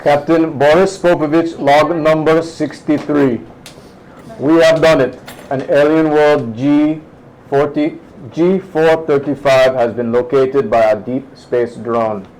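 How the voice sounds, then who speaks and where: A man voicing a stern male starship captain with a put-on Russian accent, reading computer logs slowly and formally. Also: a little high, steady tone, darkish tone, poor audio. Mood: grave. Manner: formal, slow, dramatic log reading.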